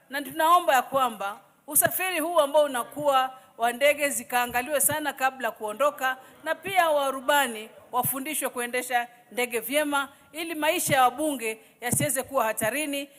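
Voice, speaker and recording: A Kenyan woman with a very high voice delivers a condolence speech. She speaks formally as a member of parliament. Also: a bit bright. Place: parliament chamber.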